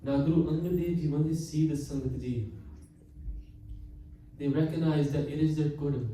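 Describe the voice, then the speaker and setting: A man delivers an earnest sermon, often calling out to the congregation and slowing down to stress key words. His voice is dark and mellow. It echoes heavily through a large hall, picked up from a distance with a faint hiss behind it. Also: a little high, fairly even intonation. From Canada. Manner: earnest, addresses the congregation often, slows for emphasis. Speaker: Sikh preacher giving katha.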